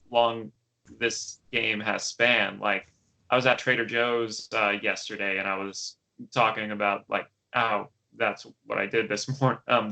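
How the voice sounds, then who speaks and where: Young male podcast co-host, lowish gravelly voice with a bright edge, loose filler-heavy chat. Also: rough recording. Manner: chatty, many fillers and restarts. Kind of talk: casual chat.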